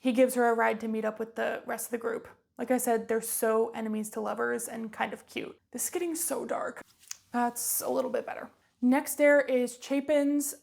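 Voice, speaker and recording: A woman's voice: fairly high pitch, steady tone, moderate pace, vocal fry, darkish tone, faint music behind. A woman vlogger recapping a movie in a chatty, offhand way.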